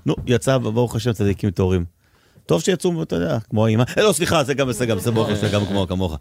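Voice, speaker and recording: A man hosting a casual radio interview in a studio, playful and quick to laugh. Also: fairly low pitch, creaky. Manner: lively, playful, laughs often. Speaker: radio host.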